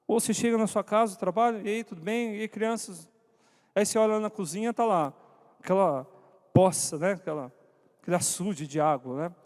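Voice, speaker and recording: A man speaks to couples at a church meeting, his voice sitting high for a man. He draws the audience in with questions and calls on listeners by name. His words ring out with a long reverb through a church hall. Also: a little mellow. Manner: engages the audience, asking questions and calling on people by name. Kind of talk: interactive church talk to couples.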